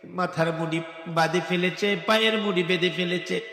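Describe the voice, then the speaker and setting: This Islamic preacher's high, bright voice stays steady and forceful as he chants a waz sermon at normal speed in a wailing, melodic way. He is heard through loudspeakers at a large religious gathering, the hall echoing with faint music underneath.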